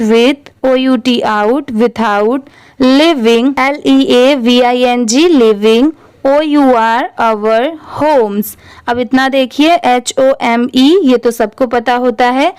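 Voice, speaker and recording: A woman with a high-pitched, clean voice leads a slow spelling-out lesson in English reading, recorded without echo. She spells each word letter by letter and then says the whole word.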